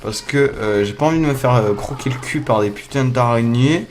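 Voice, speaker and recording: A young man giving casual let's play commentary, excitable, swearing often, talking to his viewers, with loud startled outbursts. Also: mid-range voice, normal speed, a little hiss or hum. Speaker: gamer playing a survival game. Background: faint game music.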